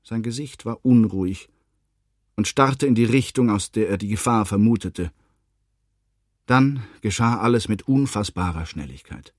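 Male audiobook narrator, husky, lowish voice, measured literary reading. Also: dry recording, clean studio sound.

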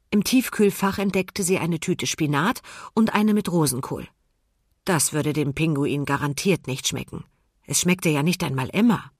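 A woman reading a children's audiobook aloud, calm and expressive. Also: deep voice, breathy edge, no room sound, clean studio sound. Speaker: narrator.

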